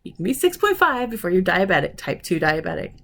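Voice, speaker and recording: A woman's voice: lowish voice, fast. Ranting woman in her forties. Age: 40s. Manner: animated storytelling, acting out quoted conversations; frustrated, ranting. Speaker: vlogger. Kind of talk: casual chat.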